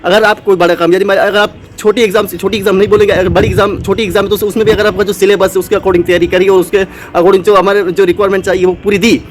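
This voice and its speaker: With a voice that sits high, a flat delivery, and hardly any pauses, this fast-talking motivational channel host gives an unscripted talk to exam students. It wanders, with plenty of fillers and restarts.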